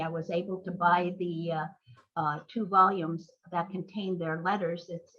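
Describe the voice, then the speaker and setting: An older woman with a lowish voice, a playwright and screenwriter appearing as a guest, answers interview questions conversationally. She explains things through anecdotes and agrees emphatically. The audio sounds dull.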